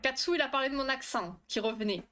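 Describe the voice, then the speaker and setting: A young woman hosting a casual live stream, chatty and quick to swear, often tripping over her words while she answers the chat. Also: high voice, animated, fairly bright tone, slight background noise. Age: young adult. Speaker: livestream host on relationships.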